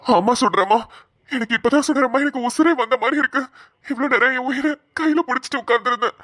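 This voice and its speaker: A woman's voice: sits high, fast, a bit bright, no room sound, studio quality. A woman voicing a devoted, emotional elder brother in a cartoon, calling out anxiously and pleading. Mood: relieved. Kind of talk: cartoon voice acting.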